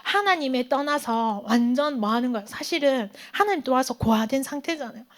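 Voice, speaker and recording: A woman's voice: high-pitched, expressive, fairly quick. A woman preaching a sermon to a church youth group, asking questions and answering them herself, sometimes dropping into a whisper. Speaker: youth pastor. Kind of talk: sermon to teenagers. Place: church hall.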